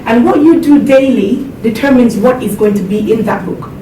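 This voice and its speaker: A Jamaican woman delivers an earnest motivational talk to a seminar audience, speaking at a normal pace with a warm tone and laughing along with the crowd. The recording has an echoey hall sound, a distant mic, and a background rumble.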